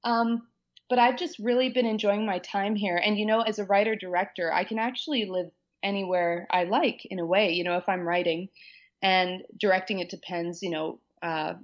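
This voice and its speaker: A woman's voice: mid-range voice, moderate pace. A woman guest talking easily and thoughtfully about her life, with light laughs. Her voice comes through slightly dull and muffled, like remote call audio. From born in Argentina, raised in UK, Canada, US. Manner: relaxed, thoughtful, easy laughter. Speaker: writer-director guest. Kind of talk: casual interview conversation.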